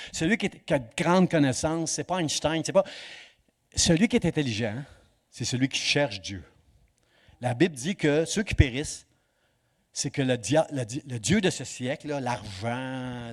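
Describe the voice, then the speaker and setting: A male pastor preaching a sermon in church, swinging between loud exhortation and hushed emphasis. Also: medium pitch.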